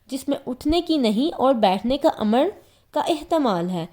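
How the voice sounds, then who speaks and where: A woman with a high voice and a Pakistani Urdu accent teaches a religious lesson on reading the Quran. She talks patiently and goes over each point again in simpler words, like a classroom teacher. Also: expressive, dark tone.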